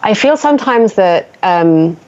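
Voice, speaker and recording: A woman's voice: mid-range voice, expressive, measured pace, a little mellow. A woman from Sudan speaking as a columnist on a podcast panel, earnest and restarting her phrases as she goes. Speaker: panel guest, newspaper columnist. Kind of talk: casual podcast discussion. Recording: dull lo-fi audio.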